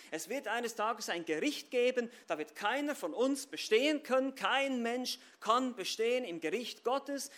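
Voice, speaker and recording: High-voiced man preaching with emphatic swings. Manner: emphatic, swings between loud stress and low asides; addresses listeners directly. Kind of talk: sermon.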